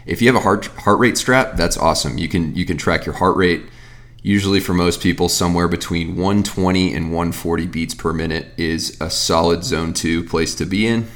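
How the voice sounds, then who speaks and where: A man in his thirties with a very deep, low-pitched voice talks through training advice in a loose, conversational way. He rambles, restarts his sentences and fills gaps with casual asides, like a coach answering listener questions on his own podcast. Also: normal speed, fairly bright tone. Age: 30s. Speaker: fitness coach and podcast host.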